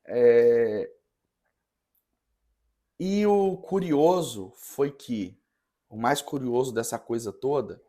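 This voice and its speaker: A man who is a parish priest, telling a story in a podcast conversation with an earnest, halting manner and many restarts. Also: mid-range voice, lively intonation, dark tone.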